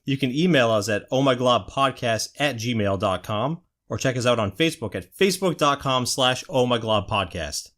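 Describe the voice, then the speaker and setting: A man's voice: medium pitch, animated, normal speed, few pauses, a bit bright. A man co-hosting a podcast in casual chat, keen and enthusiastic, steering the talk with questions. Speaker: podcast co-host.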